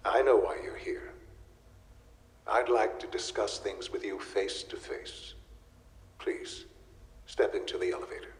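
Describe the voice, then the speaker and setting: A man playing a calm, formal lab leader. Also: lowish voice, measured pace, pauses often, lightly acted. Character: calm elderly male leader of a secret lab. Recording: echoey reverberant room.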